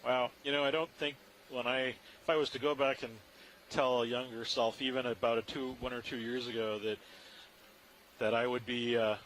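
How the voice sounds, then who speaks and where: A man giving live, unscripted commentary as a scientist on a deep-sea dive, marveling and musing as he goes. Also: steady tone, moderate pace, a bit bright. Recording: clearly noisy live control-room audio feed.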